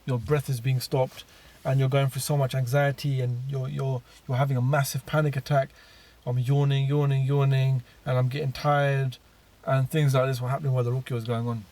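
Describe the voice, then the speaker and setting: A man's voice: medium pitch, level tone, a little fast, a little mellow. Rambling man telling his own story. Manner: rambling, many restarts and fillers. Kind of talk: casual personal monologue.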